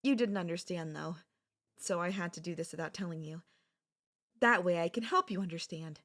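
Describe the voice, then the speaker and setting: Here the same kind of role, an obsessive, possessive kidnapper and childhood friend, is voiced by a young woman for ASMR audio. She pleads softly and intimately at normal speed, in a fairly low voice with light acting.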